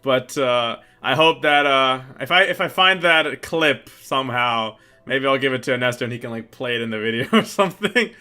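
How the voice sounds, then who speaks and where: A man's voice: medium pitch, animated, normal speed, few pauses, sharp tone, clear, resonant tone. A young man co-hosting a casual chat about anime, answering viewer questions in a laid-back, rambling way with plenty of fillers. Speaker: channel co-host.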